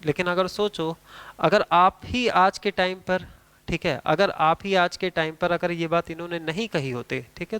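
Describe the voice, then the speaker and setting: A male biology teacher giving an exam-prep lecture in Hindi mixed with English terms. He asks questions, answers them himself, often adds "theek hai", and slows down to stress key terms. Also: sits high, fairly bright tone, clean tone, dry recording.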